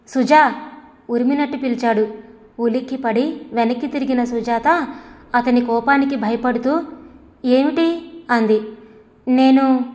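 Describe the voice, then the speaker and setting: A woman storyteller narrating a scripted audio story in a steady, measured way. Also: on the high side, long reverb tail.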